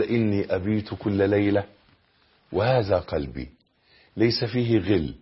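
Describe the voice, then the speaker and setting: A man's voice: on the low side, breathy edge. A man with an Egyptian Arabic accent giving a religious lesson as a preacher, stressing key phrases emphatically. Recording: dull lo-fi lecture recording.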